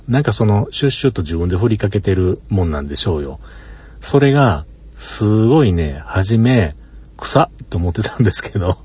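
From a parked car, a man with a Kansai Japanese accent drifts through a casual one-man podcast monologue, laughing softly as he goes. The voice is fairly low, mellow and slightly rough.

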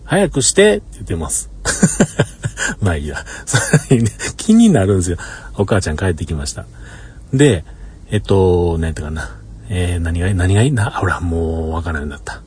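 Man, Kansai accent, low voice, husky, rambling casual monologue, chuckling, parked car. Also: animated, normal speed, darkish tone. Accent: Kansai Japanese. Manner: rambling, easygoing, chuckles often. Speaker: solo podcaster.

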